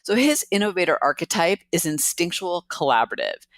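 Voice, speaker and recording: A podcast host opens with an upbeat, chatty introduction before moving into a casual interview with a guest, laughing quickly and often. The voice is mid-range, very animated and fairly bright, recorded dry.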